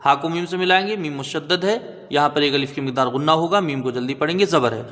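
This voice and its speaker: A man teaching Quranic recitation, spelling out letters and then slowly chanting each word, often checking with "right?". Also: fairly high pitch, a bit bright, in a large hall. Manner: patient, drawn-out chanting of each word, frequent "theek hai?" checks.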